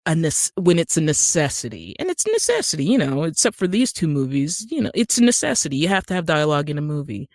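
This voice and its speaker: A woman's voice: sits low, sing-song, fast, hardly any pauses, darkish tone, no echo, clean studio sound. A middle-aged American woman telling stories conversationally and emphatically as an interview guest. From Utah, United States. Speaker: podcast guest, screenwriter and actor.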